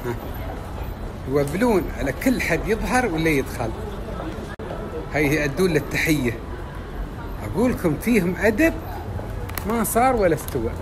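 A man's voice: on the high side, noisy background. A middle-aged man with a Gulf Arabic accent, chatting and teasing as a travel vlogger. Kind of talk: casual vlog narration.

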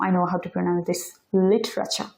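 A woman whose first language is Bengali, teaching English pronunciation in a video lesson and saying example words slowly. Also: mid-range voice, warm tone, low-quality recording. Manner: explains step by step, demonstrates English words slowly.

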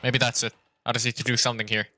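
A man's voice: medium pitch, little pitch movement, rapid-fire, bright, forceful tone, a little hiss or hum. A young man commenting on his gameplay live from a small room, rambling and confused, stumbling over repeated words. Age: young adult. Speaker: streamer. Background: game music.

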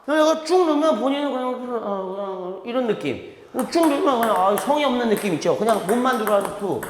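Man coaching with lively pitch. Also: fast, slight background noise. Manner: animated, talks while demonstrating, chuckles often. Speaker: table tennis coach. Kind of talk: hands-on coaching demonstration. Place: large indoor table tennis hall. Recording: echoey hall with ball clicks behind.

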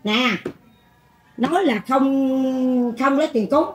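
A woman's voice: high-pitched, takes it slowly, a little mellow, roomy sound. An older woman with a Southern Vietnamese accent, giving a coarse, blunt, scolding monologue about faith to a group of listeners. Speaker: folk religious teacher.

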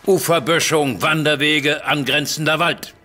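A blustering army general who barks suspicions and accusations. His raised voice is tense and forceful and sits a little high for a man, carrying the drama of a radio play. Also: steady tone, a little slow, faint music behind.

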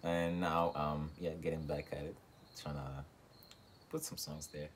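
A young Moroccan rapper, a guest in a casual interview, chats in a relaxed way, full of fillers and quiet laughs. His extremely low voice runs a little slow, recorded close on a phone in a small room with a reed-panel wall and a faint hiss behind him.

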